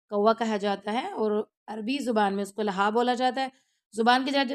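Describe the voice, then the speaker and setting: A woman with a high voice teaches a tajweed lesson online. She explains patiently, one step at a time, and keeps checking that her students follow. English words slip into her explanations.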